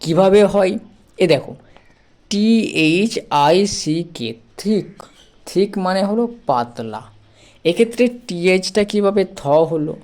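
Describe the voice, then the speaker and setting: Teacher doing a pronunciation lesson, spells every word out slow, repeats sounds over and over, asks then answers own questions. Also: mid-range voice, lively intonation, darkish tone. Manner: spells words letter by letter and repeats each sound patiently; explains step by step, asking and answering own questions.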